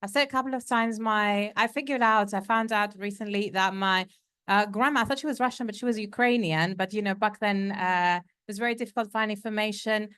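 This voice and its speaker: A woman from Greece speaks on a conference panel, chatty and enthusiastic, with plenty of ums along the way. Her voice is smooth and clear, and the sound is dry and close. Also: medium pitch, fairly quick, a bit bright, dry recording. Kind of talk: panel discussion.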